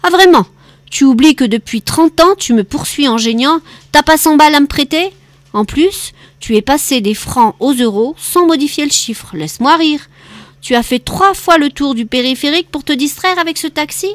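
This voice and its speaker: An exasperated middle-aged man, voiced by a woman reading a novel aloud, snaps at his brother in sharp, mocking bursts. The voice sits higher and louder than her plain reading, and the sound is close and dry with no room around it. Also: lively intonation, brisk, dry recording.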